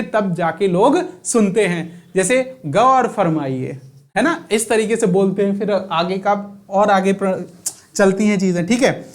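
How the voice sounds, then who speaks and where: A man teaching a grammar lesson, often repeating key terms as questions to his students. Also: high-pitched.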